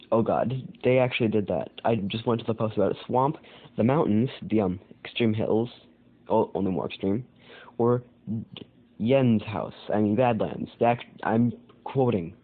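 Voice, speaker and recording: A man with an American accent, hosting his own channel, rambling through casual commentary with lots of fillers and self-corrections. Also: fairly low pitch. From United States. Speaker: channel host. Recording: tinny phone-like sound with faint noise.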